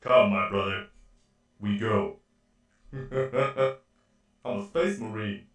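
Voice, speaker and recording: Game space marine, low booming voice, doubled delay effect, echoey, faint music behind. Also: male voice, very slow, distant mic. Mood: commanding. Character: slow, booming armored male space marine. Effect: delay and doubling voice filter.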